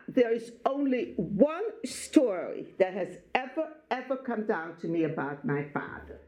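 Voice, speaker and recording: Speaking live to a group of students in an echoey room, a woman in her late sixties shares her testimony as a Holocaust survivor born in Belgium. Her medium-pitched voice is slightly mellow, and she talks to her listeners conversationally, often digressing. The recording is muffled and dull.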